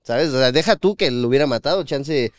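Young Mexican male podcast host, lively storyteller with a bouncy pitch, dry close sound. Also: a little fast, no echo. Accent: Mexican Spanish. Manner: animated, laughing, acts out voices. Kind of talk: casual storytelling chat.

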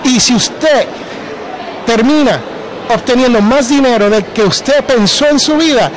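A man's voice: very high voice, unhurried, a little hiss or hum, low-quality recording. A man hosting a podcast interview, chatting casually and slipping English words into his talk. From New Jersey. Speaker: podcast host.

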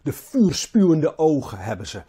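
A man preaching a Bible sermon. His voice is husky and mellow, with pitch slightly high for a man. He halts and repeats words, pushing some phrases hard and letting others sink low. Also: sing-song. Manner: halting, repeats words, rises and falls in emphasis.

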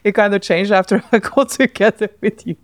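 A woman's voice: mid-range voice, fairly even intonation, a little fast, no echo. A Norwegian woman co-hosting a podcast, talking thoughtfully in casual chat and laughing often. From Norway. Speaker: podcast co-host.

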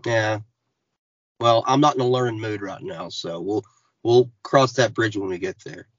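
A man's voice: lowish voice, normal speed, dry recording, lo-fi sound. A man on a casual podcast who talks in an angry, sarcastic way. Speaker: podcast regular.

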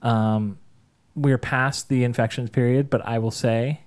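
A man's voice: medium pitch, fairly even intonation, measured pace, a little mellow. A man casually telling a long story on a podcast, rambling with fillers and chuckles.

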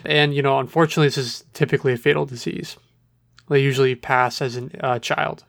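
A man with a mid-range voice talks through medical facts in a relaxed, slightly hesitant way. He sometimes trips over long terms. The recording is dry and close. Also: medium pitch, fast, gravelly, dry recording. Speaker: podcast co-host. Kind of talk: casual educational chat.

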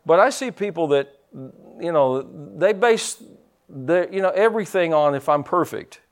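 A middle-aged man preaching a sermon as pastor, fervent and halting, repeating words and building to loud emphatic peaks. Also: a little high, lively intonation.

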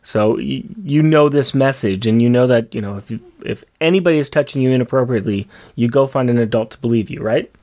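A man's voice: medium pitch, fast, hardly any pauses, darkish tone. A man co-hosting a casual podcast, who tends to repeat his phrases for emphasis. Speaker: podcast co-host.

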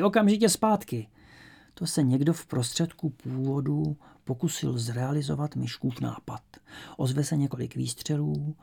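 A man narrating an audiobook in a measured, even storytelling manner. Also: mid-range voice, vocal fry, slightly rough.

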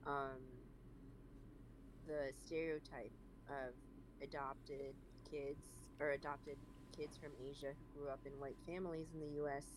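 A young adult speaker with an American accent, chatting freely as an interview guest and filling pauses with "um" and "like". The voice sits at a middle pitch, and the recording carries a clear layer of background noise. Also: level tone. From born in China, raised in San Francisco. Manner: chatty, many fillers like "um" and "like". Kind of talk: casual interview conversation. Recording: noisy recording.

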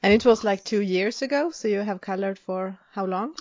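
A woman's voice: medium pitch, moderate pace, darkish tone. A woman hosting a podcast interview, asking brief, direct questions. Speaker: podcast host. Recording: muffled lo-fi audio.

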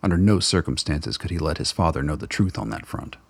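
Reading from a radio drama script, this male narrator has an extremely deep, gravelly voice with husky texture. He performs dramatically at a slightly fast pace, recorded close and dry with no echo.

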